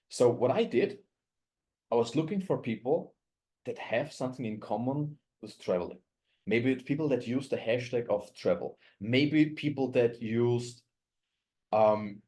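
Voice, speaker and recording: Austrian-born man coaching in a relaxed voice. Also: mid-range voice. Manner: chatty, repeats and restarts phrases, acts out quoted dialogue. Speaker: network marketing coach. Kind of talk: coaching talk in a group call.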